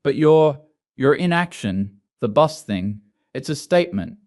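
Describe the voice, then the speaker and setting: A man's voice: a little high, lively intonation, a little slow, darkish tone. A man voicing a self-assured young female student who talks in an earnest, lecturing way.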